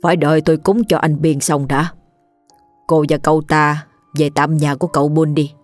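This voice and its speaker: A woman's voice: deep voice, steady tone, moderate pace, a little mellow, no echo, soft background music, lightly acted. Woman voicing a grave old village shaman. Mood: grave, ominous.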